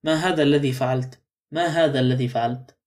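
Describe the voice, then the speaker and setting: A man's voice: mid-range voice, fairly even intonation, fairly quick, darkish tone, close to an everyday voice. A man reading the lines of a frail, lonely, remorseful elderly woman in an audiobook, his speech trembling and pleading.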